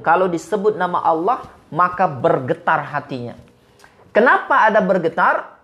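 Indonesian man preaching with animated delivery. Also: sits high. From Medan, Indonesia. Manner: animated preaching, quotes Arabic verses and retells stories. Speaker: Islamic preacher. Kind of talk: sermon.

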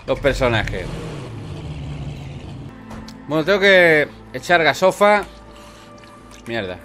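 A man's voice: medium pitch, sharp tone. A man with an accent from Spain giving casual let's play commentary, swearing freely and talking back at game characters. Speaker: gameplay commentator.

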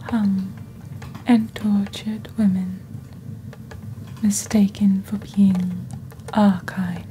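An ASMR host whispers very slowly and softly in character as a composed, eerie witch selling cursed wares, in a scripted shopping-channel roleplay. Her mid-range voice stays level, with a hushed, deliberate storytelling delivery. A close studio microphone on a desk captures it over soft background music.

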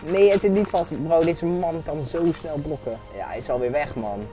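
A man's voice: a little high, moderate pace, mellow, soft background music. Man calling game play-by-play. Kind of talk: casual game commentary.

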